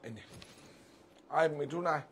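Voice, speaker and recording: A man's voice: on the high side, a little slow, a little hiss or hum. A man selling saris on a live stream, chatting with viewers and directing helpers off to the side. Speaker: sari seller on a live sale.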